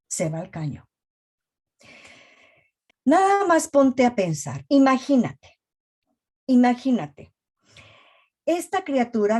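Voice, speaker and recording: A woman's voice: medium pitch, mellow. A woman therapist giving a reflective talk to parents, emphatic and full of "este" fillers, over a video call.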